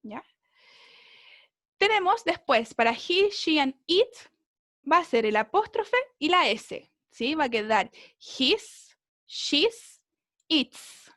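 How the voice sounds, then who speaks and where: A woman's voice: sits high, big pitch swings, slow pace, pauses often, fairly bright tone, dry recording, clean studio sound. A woman English teacher explaining a lesson over a video call, patiently checking that her students follow. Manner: patient, keeps checking understanding with tag questions. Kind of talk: online class explanation.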